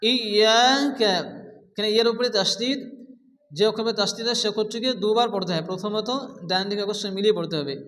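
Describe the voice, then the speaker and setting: A man with a high, bright voice teaches recitation patiently, one rule at a time. He stretches each example word long and slow. His voice rings with a long, hall-like reverb. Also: steady tone. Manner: explains rules, then chants words slowly and drawn out. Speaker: Quran reading teacher. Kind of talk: step-by-step recitation lesson.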